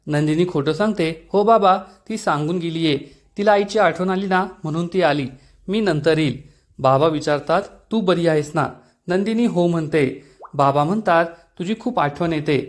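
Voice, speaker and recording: A man reading a scripted voice-over recap of a TV episode, retelling every character's lines in one steady narrating voice. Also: a little high.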